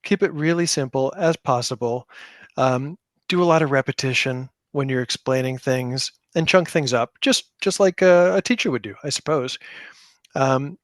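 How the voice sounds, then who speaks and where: A man with a mid-range voice talks at a moderate pace in a dry recording, appearing as a podcast guest. He's a tabletop game designer discussing his own work casually and with self-deprecating humor.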